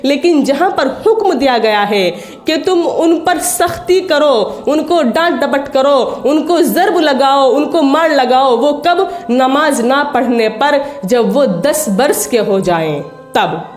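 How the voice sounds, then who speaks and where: A woman with a high voice gives an earnest religious talk, going over each point more than once so it sinks in. Her voice rings in an echoey room, with faint music playing underneath. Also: a little mellow. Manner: earnest, repeats points for emphasis. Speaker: religious speaker.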